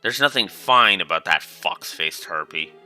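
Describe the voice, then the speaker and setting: A man's voice: deep voice, expressive, unhurried, sharp tone, soft background music, full character voice. Man voicing a feisty teenage girl, piercing. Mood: scornful. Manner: brash, slangy.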